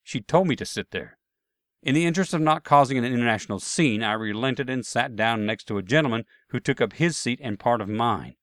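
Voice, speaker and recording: A man's voice: medium pitch, a little fast, fairly bright tone, no room sound, clean studio sound. A man narrating a first-person travel anecdote with wry, self-deprecating humor. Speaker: storyteller.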